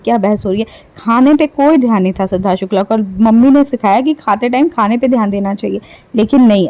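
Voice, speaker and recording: Woman, gossip commentator, casual sarcastic talk, taunting, slightly high pitch, dark mellow tone. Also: poor audio. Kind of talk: casual commentary on reality show clips.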